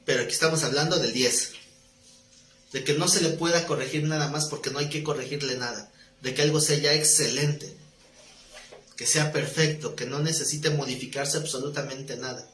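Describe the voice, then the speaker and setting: A man's voice: on the high side, steady tone, moderate pace, fairly bright tone. A man preaching a teaching sermon in a conversational way, asking his listeners questions. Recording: echoey room, faint noise.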